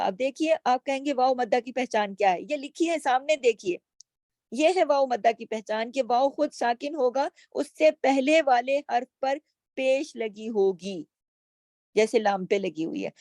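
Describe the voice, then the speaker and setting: Female tajweed teacher, patient explainer, unhurried delivery, dry close mic. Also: on the high side, darkish tone, dry recording. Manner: patient, explains each letter and asks rhetorical questions. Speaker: Quran recitation teacher. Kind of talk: slow tajweed lesson with recited words.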